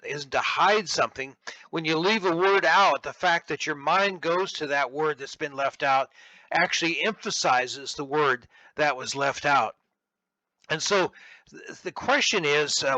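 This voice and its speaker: Male Bible teacher, bright and slightly high, slow and deliberate, dry close-mic voice-over. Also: dry recording, rough recording. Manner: deliberate, with frequent restarts and fillers. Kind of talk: explaining a sentence diagram over slides.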